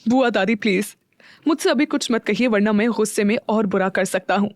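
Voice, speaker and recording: A woman reading the part of a young man, a loving older brother who speaks gently but turns firm when pressed. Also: high voice, a little fast, dry recording, clean studio sound, close to an everyday voice. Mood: stern. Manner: gentle and tender, turning firm.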